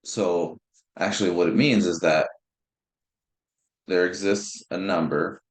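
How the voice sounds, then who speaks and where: A man's voice: sits low, fairly even intonation, slow pace. A young man teaching a math class in an informal way, often restarting words and thinking aloud. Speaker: math instructor. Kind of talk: recorded lecture. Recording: roomy echo.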